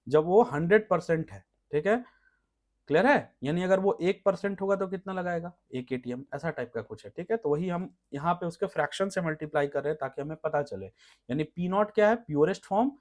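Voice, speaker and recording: A man's voice: on the high side, animated, fairly quick, darkish tone. A male chemistry teacher lecturing, explaining step by step and often asking rhetorical check questions. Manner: explains step by step, asks rhetorical checks, repeats key terms. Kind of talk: classroom lecture.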